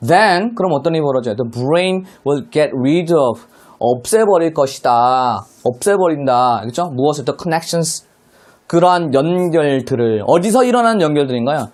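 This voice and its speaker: Brief: male English teacher, fairly high voice, online lecture, asks questions as he explains. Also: animated, measured pace, a little mellow.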